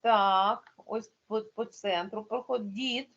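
A woman's voice: mid-range voice, steady tone, takes it slowly, a bit bright, lo-fi sound. A woman teaching a primary school class online, explaining patiently step by step.

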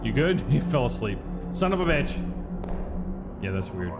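Jumpy male horror game streamer over loud music. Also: medium pitch, very animated, moderate pace. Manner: jumpy, swearing scared-gamer reactions mixed with wry joking. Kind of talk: casual let's-play commentary. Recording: loud game music and sound effects behind. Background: horror game soundtrack.

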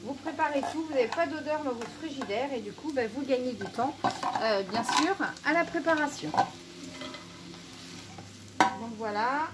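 A middle-aged woman hosts a casual cooking demonstration in a small shop, chatty and high-pitched. She fills every pause with "so" and "of course", repeatedly saying "donc" and "bien sûr". The recording is very noisy.

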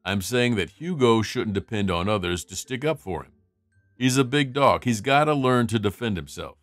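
A man voicing a big, gruff but patient guard dog with a deadpan, weary manner in a comic dub. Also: medium pitch, normal speed, no room sound, soft background music, lightly acted. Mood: stern.

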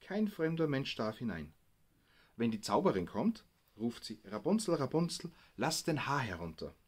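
A man voicing a calm mother who tells her small daughter a fairy tale in a gentle way. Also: mid-range voice, normal speed, husky.

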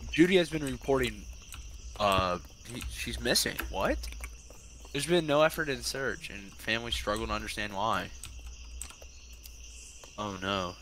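A man's voice: medium pitch, expressive, unhurried, long pauses, fairly bright tone, slight background noise. A young man, a scared and jumpy horror game streamer chatting casually with a friend as he plays. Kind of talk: casual gameplay commentary with a friend.

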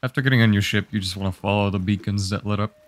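A young man with a fairly low, steady voice narrates a game guide, walking through each step in a relaxed, instructive manner. His delivery is casual and unhurried.

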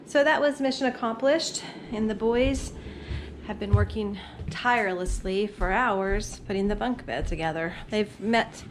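A woman's voice: medium pitch, a little slow, noisy background. A middle-aged woman chatting casually through a home-renovation vlog, upbeat and rambling with ums. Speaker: family vlogger. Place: small lake house, indoors and in the yard. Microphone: handheld camera at arm's length.

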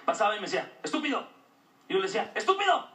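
A man's voice: sits high, steady tone, racing, a bit bright. A Mexican man doing a stand-up routine, crude, slangy and self-mocking. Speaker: stand-up comedian. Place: comedy stage before an audience. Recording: roomy club audio, distant mic, noisy.

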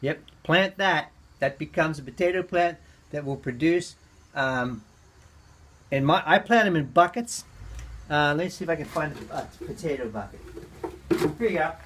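A man's voice: on the high side, animated, moderate pace, fairly bright tone, slight background noise. A man giving a casual, hands-on gardening demonstration, talking in a chatty, folksy way with lots of ums and uhs. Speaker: gardening teacher.

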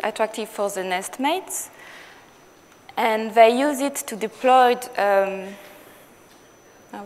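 A woman's voice: fairly high pitch, vocal fry. A woman with a French accent giving a scientific conference talk, with many fillers and restarts. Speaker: conference speaker. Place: lecture hall. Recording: long hall reverb with faint noise.

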